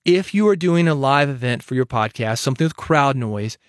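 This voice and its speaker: This solo podcast episode features a man hosting on his own and offering confident, direct advice through a studio mic. His medium-pitched voice is expressive and fairly quick, and the sound carries no echo.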